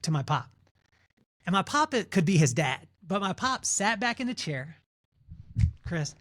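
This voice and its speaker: A man with a fairly high voice speaks as a podcast guest. He talks through his points in an animated, storytelling way, repeating words as he goes and acting out what other people said. The sound is close and dry. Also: no room sound. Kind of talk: conversational storytelling interview.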